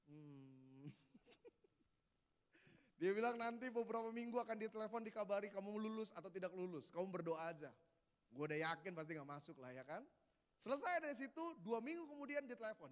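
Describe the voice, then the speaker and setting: A man with an Indonesian accent preaching a sermon as pastor, telling humorous stories in casual slang. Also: extremely high pitch. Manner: storytelling with humor and laughter, Jakarta slang. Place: church hall. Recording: long hall reverb.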